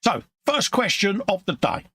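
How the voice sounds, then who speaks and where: A man's voice: high-pitched, huge pitch swings, normal speed, creaky, sharp tone. A man with a British accent co-hosting a casual model-building live stream from his workbench, bantering, chuckling and calling his friend mate. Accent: British English. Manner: banter-filled, calls people mate, chuckles often. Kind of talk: casual chat. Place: home workbench.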